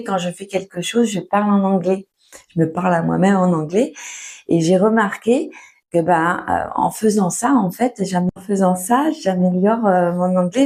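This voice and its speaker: A young woman teaches French in a relaxed, unhurried way, her voice sitting at an ordinary middle pitch. She stretches her words out, fills pauses with soft hesitations and often starts a sentence over. It sounds like a friendly lesson recorded at home. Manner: slow, patient, full of fillers and restarts, laughs often. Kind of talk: casual spoken lesson for learners.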